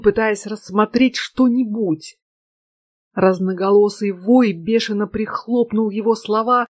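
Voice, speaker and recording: A woman narrating an audiobook in a measured, steady way. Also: mid-range voice, no echo. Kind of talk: scripted narration.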